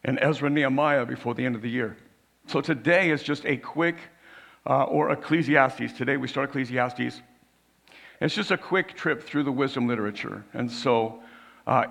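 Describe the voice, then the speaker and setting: Hoarse, creaky-voiced man preaching a sermon. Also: medium pitch, fairly bright tone. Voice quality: raspy. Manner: informal, explanatory, often adding "right?". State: hoarse, losing his voice. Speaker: pastor.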